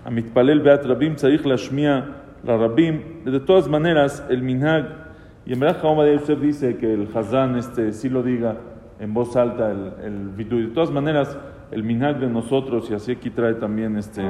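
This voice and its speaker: A man's voice: mid-range voice, dark tone. A man, a rabbi, explaining Hebrew texts in a class and putting questions to his listeners. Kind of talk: Torah class. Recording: echoey room, long reverb.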